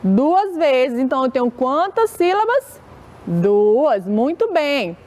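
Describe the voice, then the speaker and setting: A woman teaches a children's reading lesson on television, stretching each syllable slowly. Her voice sits a little high and swoops up and down in a lively sing-song. She talks patiently and unhurriedly. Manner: slow, drawn-out syllables, calls herself "tia".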